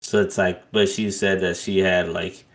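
A man's voice: deep voice, little pitch movement, measured pace. A man in his twenties co-hosting a podcast, chatting casually and rambling with lots of "like" fillers. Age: 20s. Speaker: podcast co-host. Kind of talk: casual chat.

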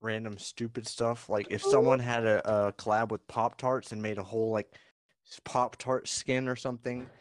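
A man's voice: mid-range voice, fairly even intonation, normal speed, dry recording. Laid-back rambling man, dry sound. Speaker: podcast co-host. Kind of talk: casual podcast chat.

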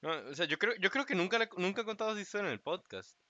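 A man's voice: sits high, expressive, racing, bright, forceful tone, no room sound, muffled recording. A man with a Costa Rican accent co-hosting a podcast, chatting casually in loose slang and often laughing mid-sentence. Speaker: podcast co-host. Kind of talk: casual chat.

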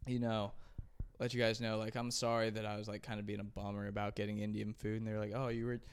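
A man's voice: on the low side, little pitch movement, fast, clear, resonant tone. A man co-hosting a casual comedy podcast, joking and rambling, often breaking into laughter. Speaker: podcast co-host. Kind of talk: casual chat.

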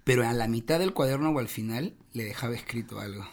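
A man's voice: medium pitch, fast, loud music behind the voice. A man hosting a podcast in casual chat, playful and teasing, telling stories. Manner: playful, teasing, animated storytelling. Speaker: podcast host.

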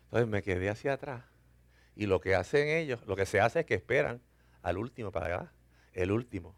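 A man preaching from the pulpit with a gravelly, fry-edged voice, recorded close and dry. He tells a personal story with chuckles and acted-out exchanges, then builds into emphatic preaching. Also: on the low side, expressive, fairly quick, no room sound. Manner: storytelling with laughter and acted-out dialogue. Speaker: pastor. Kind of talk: sermon.

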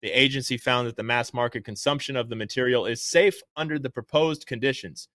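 A man's voice: mid-range voice, a little fast, a bit bright, dry recording, clean studio sound. A man hosting a comedic political news show, giving opinionated commentary in a punchy, jokey way. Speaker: show host.

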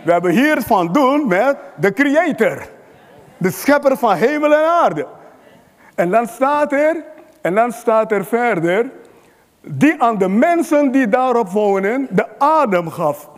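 A man preaches with rising fervor, calling out to the congregation for amens. His voice sits very high. The sound carries a long reverb, as in a large hall. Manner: fervent, rises to shouting at climaxes. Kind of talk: sermon.

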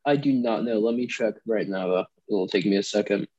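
A man's voice: on the low side, brisk, darkish tone. A young American man co-hosting a casual sports chat, giving his picks, on dull lo-fi audio. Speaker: sports talk co-host.

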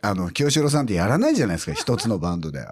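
A middle-aged man from Kumamoto, Japan, chatting casually as an interview guest and telling stories in an animated way, laughing often. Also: lowish voice, racing, slightly rough. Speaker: musician guest.

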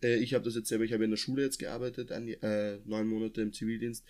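A man's voice: lowish voice, little pitch movement, quick pace, darkish tone. A young man in his twenties from near Vienna with an Austrian accent, chatting casually and rambling with many restarts. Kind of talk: casual chat.

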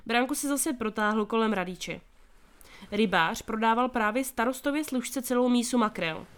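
A woman reading a children's story aloud as narrator, giving the characters' shouts strong emphasis. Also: a little high, clean tone. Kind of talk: audiobook reading of a children's novel.

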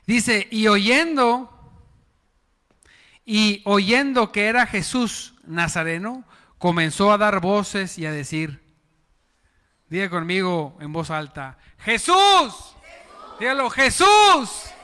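Male pastor, sermon, call-and-response, slow delivery, bright high voice, long hall reverb. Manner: preaching with call-and-response, questioning the congregation.

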